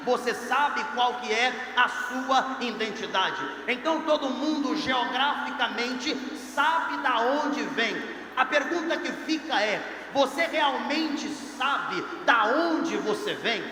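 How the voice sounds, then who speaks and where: A pastor with a very high, sharp voice preaches slowly to a youth congress, using an emphatic, rising preacher's cadence. The large congress hall gives an echo, with faint crowd ambience and slight background noise.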